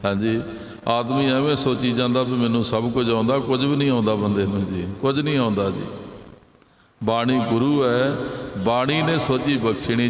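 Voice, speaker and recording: A man preaching a sermon to a gathered congregation, repeating his points and singing lines of scripture slowly. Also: mid-range voice. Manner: repetitive, exhorting, sings scripture lines slowly. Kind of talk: sermon with chanted verses. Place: large hall with congregation. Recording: echoey hall reverb.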